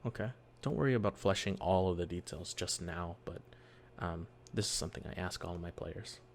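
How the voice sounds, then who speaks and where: A soft-spoken man as a dungeon master in a whispered role-play, explaining gently and patiently with many fillers, speaking quietly at home. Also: deep voice, fairly quick, gravelly, slight background noise. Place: quiet home early morning.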